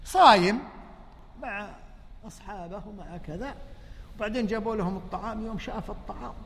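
A man's voice: high voice, fairly quick, vocal fry, a bit bright. A man preaching a sermon, telling the story with emotion and firing rhetorical questions at his listeners. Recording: long hall reverb.

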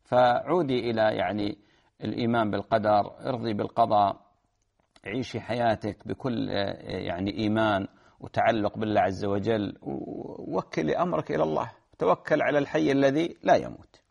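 A man's voice: fairly low pitch, a little fast, gravelly, a little mellow, lo-fi sound. A man, a religious scholar giving earnest advice in answer to listeners' questions. He repeats phrases and restarts words as he explains.

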